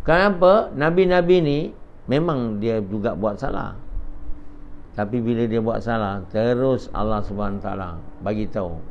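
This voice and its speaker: An older man from Malaysia, giving a conversational after-dawn religious lecture full of rhetorical questions and quoted dialogue. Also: on the low side. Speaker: preacher. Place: home prayer gathering. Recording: dull lo-fi recording, faint noise.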